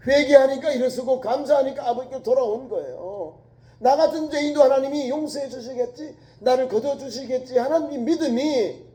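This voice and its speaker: Male pastor preaching in a church, high voice, really mellow, goes loud then hushed, lots of room echo. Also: slight background noise. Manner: emphatic storytelling, swinging between loud and hushed. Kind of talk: sermon. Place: church sanctuary. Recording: echoey church hall.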